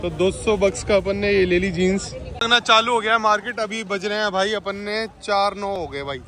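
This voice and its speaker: A young man with a high, sharp-toned voice speaks at normal speed while shopping a busy night market. He vlogs casually, chatting and haggling to the camera, with street-market crowd noise around him.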